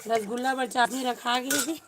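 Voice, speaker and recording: A woman with a Chhattisgarhi accent hosting a casual live cooking stream from her home kitchen, chatting to viewers while hushing and directing a small child. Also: on the high side, steady tone, normal speed, noisy background. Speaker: cooking vlog host.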